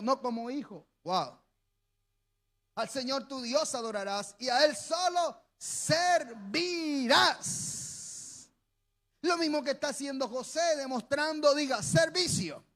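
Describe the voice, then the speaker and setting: Male pastor, very high voice, preaching sermon with shouted peaks and call-and-response. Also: slow pace.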